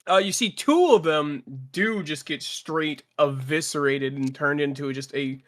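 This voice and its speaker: A man's voice: on the high side, a little slow, fairly bright tone. A man with a slightly raised voice narrates a tabletop game as its game master. He talks casually and jokes often, with some swearing.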